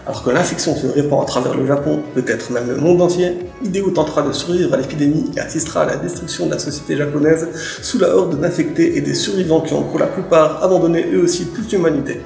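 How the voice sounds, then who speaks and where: A man's voice: a little high, quick pace, vocal fry, a little mellow. A man giving a casual, joking book review to camera as a library's manga specialist, often restarting his sentences. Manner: chatty and joking, with frequent restarts. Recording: echoey room with faint music.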